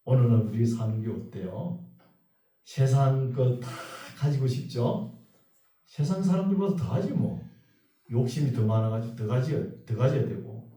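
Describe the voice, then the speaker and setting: Male pastor, dark and mellow voice, folksy and joking sermon, miked from a distance in a church. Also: mid-range voice. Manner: reads scripture slowly, then talks in a conversational, joking way. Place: church sanctuary. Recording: very echoey hall, voice from far off.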